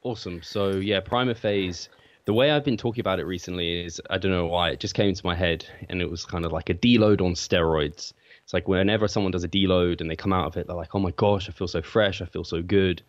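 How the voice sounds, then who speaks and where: A man speaking as a podcast guest, self-deprecating and quick to laugh, swearing casually as he explains. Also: deep voice, steady tone, no room sound, muffled recording. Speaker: guest coach.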